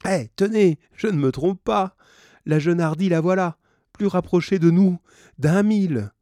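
A man voicing a steady, confident ship's helmsman in a read-aloud novel, firm and reassuring, rising to shouts when danger strikes. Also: medium pitch, no echo, studio quality. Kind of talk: French audiobook reading.

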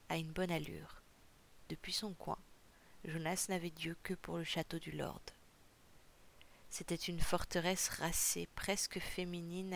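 Audiobook narrator, gravelly, steady and even, reads fiction aloud. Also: mid-range voice, slight background noise. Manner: measured, even storytelling. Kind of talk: audiobook reading.

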